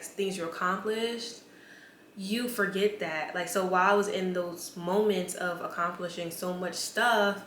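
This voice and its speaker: A woman's voice: medium pitch, a bit bright, a little hiss or hum. A woman in her twenties talking candidly to her camera as a vlogger, casual and full of "like" fillers. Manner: chatty, many "like" fillers, candid. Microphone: camera mic. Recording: roomy with faint ambience.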